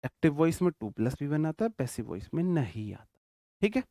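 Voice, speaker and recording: Man teaching grammar, slow dictation. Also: fairly high pitch, big pitch swings, dark tone, no room sound, clean studio sound. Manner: slowly dictates example sentences word by word; checks in often with the class. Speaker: English teacher. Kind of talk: online grammar lesson.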